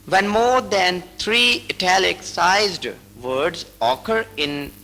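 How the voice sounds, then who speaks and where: A man reading out braille writing rules slowly and deliberately, in short broken phrases, like a teacher. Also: high-pitched, pushed and bright, rough recording. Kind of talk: slow instructional reading.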